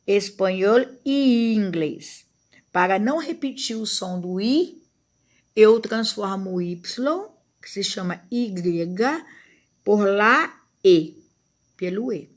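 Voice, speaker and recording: A woman teacher with a Brazilian Portuguese accent, giving a recorded video lesson for children in a slow, patient way and checking in with the class as she goes. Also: medium pitch.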